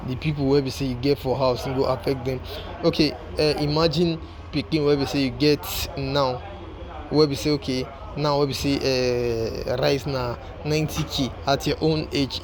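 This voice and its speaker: A Nigerian man speaking in Nigerian Pidgin, giving informal political commentary to viewers as a channel host, with repetitive, halting phrasing. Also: mid-range voice.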